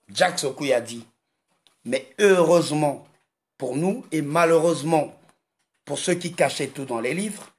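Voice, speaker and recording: Slow, emphatic man from Congo. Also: a little high. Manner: slow, emphatic, repetitive delivery. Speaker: video commentator. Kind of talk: impassioned monologue.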